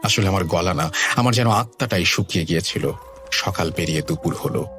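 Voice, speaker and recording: A man narrates a horror story in the first person, measured and somber. His voice sits very low. Soft music plays faintly under the reading.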